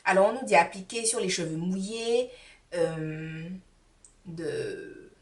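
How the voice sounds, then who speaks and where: A woman's voice: lowish voice, takes it slowly, recorded from a distance. A woman beauty vlogger reviewing products in a casual, rambling chat full of hesitations and fillers.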